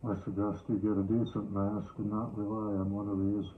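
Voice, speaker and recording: Man, muffled through a gas mask, lowish flat voice, matter-of-fact demo talk, dull lo-fi audio. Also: normal speed. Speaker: gear reviewer. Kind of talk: casual demonstration talk. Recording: dull lo-fi sound, faint noise.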